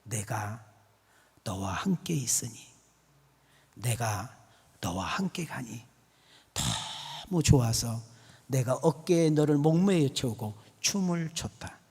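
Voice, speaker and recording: A man voicing a gentle, tender divine savior in a soft, hushed whispered role-play, low and quiet. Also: lively intonation, slow, pauses often, husky, heavily acted. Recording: long church reverb.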